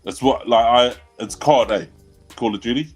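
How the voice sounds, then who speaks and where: A man's voice: medium pitch, moderate pace, breathy edge, soft background music. A young man with a New Zealand accent, co-hosting a casual livestream chat and telling rambling stories with plenty of laughter. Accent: New Zealand English. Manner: rambling storyteller, laughs a lot. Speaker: livestream co-host.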